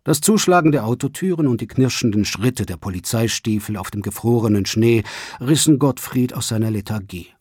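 A man reading a crime novel aloud as a narrator, in a measured, even way, with a husky voice. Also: medium pitch, no room sound, studio quality. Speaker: audiobook narrator. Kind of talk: scripted narration.

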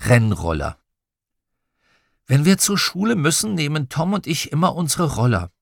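Expressive male audiobook reader for a kids' story, very lively delivery, dry studio sound. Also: on the high side, moderate pace, vocal fry, dry recording. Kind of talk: children's audiobook narration.

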